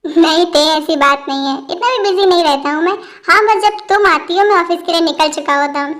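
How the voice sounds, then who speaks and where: A woman's voice: extremely high pitch, a little fast, fairly bright tone. A woman voicing a jovial, fond middle-aged father.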